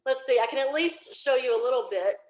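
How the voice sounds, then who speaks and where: A high-voiced woman with a darkish tone talks quickly from her home office during a remote video call. She's a podcast creator guesting on an interview, describing her venture in a chatty, detailed, rambling manner. The audio is poor, with an echoey room and a little hiss or hum.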